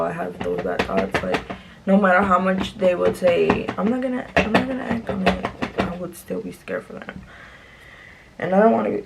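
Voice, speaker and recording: A young adult woman chatting confessionally in a laid-back stoner drawl, slangy and sweary, with a gravelly fry to her voice. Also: medium pitch, background noise. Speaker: vlogger. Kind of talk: confessional casual chat.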